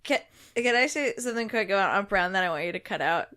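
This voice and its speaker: A woman's voice: medium pitch, animated, fast, bright, forceful tone. A woman co-hosting a podcast, chatting casually and teasing, often laughing through her lines. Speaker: podcast co-host. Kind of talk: casual chat.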